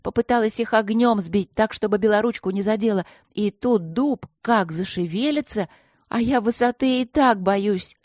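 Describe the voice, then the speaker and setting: A brash young dwarf mage girl, as a woman reader puts her on, tipsy and excitable, talking loudly and well above the reader's own pitch. Her words slur a bit, and the sound is dry and close. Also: normal speed, dry recording, lightly acted. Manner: high, loud, excitable, slurring.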